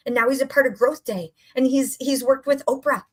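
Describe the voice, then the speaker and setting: A woman health and mindset coach gives an emphatic, enthusiastic, upbeat motivational talk, repeating phrases for effect. Her voice is high with a breathy edge, and she speaks briskly.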